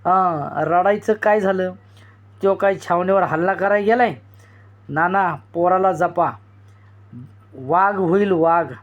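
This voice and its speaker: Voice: mid-range voice, close to an everyday voice. A storyteller voicing a jovial man on horseback who teases the villagers with banter. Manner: teasing banter. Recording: dull lo-fi recording.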